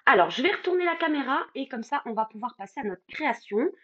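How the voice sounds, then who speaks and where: Chatty French craft host, a woman with a husky, fairly high voice, muffled stream sound. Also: lively intonation, fast, a bit bright. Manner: chatty, greets viewers by name, many fillers. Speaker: craft demonstrator hosting a live stream. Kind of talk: casual live demo chat.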